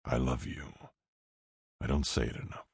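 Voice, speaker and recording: A grave eldest brother, voiced by a man reading an audiobook, speaks low and quietly with heavy resolve. His voice sits deep and subdued. The recording is dry and close. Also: slow pace, breathy edge, dry recording, exaggerated voice. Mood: quiet resolute.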